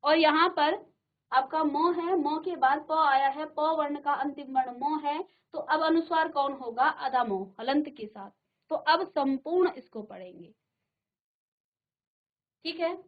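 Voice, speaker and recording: Woman, middle-aged, teacher, high voice, slow patient delivery, dull lo-fi studio sound. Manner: patient, repeats and checks with "ठीक है". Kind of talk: classroom grammar lesson. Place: virtual classroom studio.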